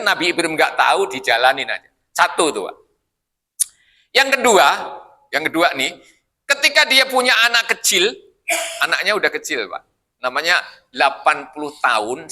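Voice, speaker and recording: A man's voice: on the high side, bright, forceful tone. A man preaching a casual evening Quran study sermon in a mosque, joking and putting questions to the congregation. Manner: jokey, asks the congregation questions.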